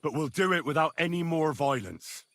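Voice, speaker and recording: An actor playing a level-headed medieval nobleman in a video game, husky, earnest and measured. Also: on the high side, a bit bright, no room sound, clean studio sound. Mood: firm restraint. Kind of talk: dramatic video game acting.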